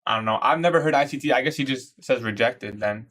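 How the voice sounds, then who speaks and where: A fast-talking man with a mid-range, fairly bright voice. Twenty-one and from Iraq, he hosts a live trading stream, discussing his trades and answering chat in an easygoing, slangy way, calling everyone "bro."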